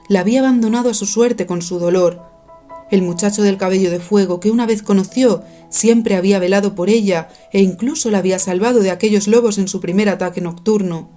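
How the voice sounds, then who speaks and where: A woman narrating an audiobook in a calm, even storytelling manner. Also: medium pitch. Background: faint music.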